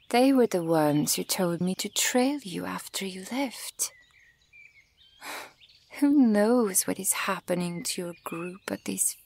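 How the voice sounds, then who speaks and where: A woman performs an ASMR fantasy roleplay as a centuries-old elven archer, stern and bitter toward humans, using a breathy, measured, dramatic delivery that often sinks toward a whisper. Her voice is fairly low and a little mellow, and the acting is heavy.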